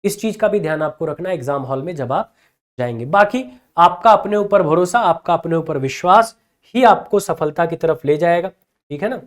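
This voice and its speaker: A man's voice: a little high, lively intonation, moderate pace. A male teacher with a Hindi accent gives exam advice to students in an encouraging tone. He keeps checking in with them through a repeated "theek hai na". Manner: encouraging, repeats "ठीक है ना" often.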